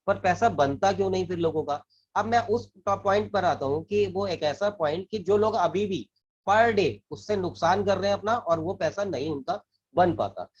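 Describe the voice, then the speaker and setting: Captured on dull lo-fi audio, a man with a high, slightly rough voice explains saving and investing straight to camera. As a financial advisor he's earnest, mixing English terms into Hindi and frequently repeating or restarting what he says.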